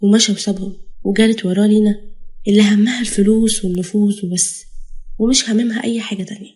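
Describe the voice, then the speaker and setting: Fast-talking Egyptian woman storyteller. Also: medium pitch, fairly even intonation, darkish tone. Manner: brisk, dramatic narration. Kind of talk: storytelling narration.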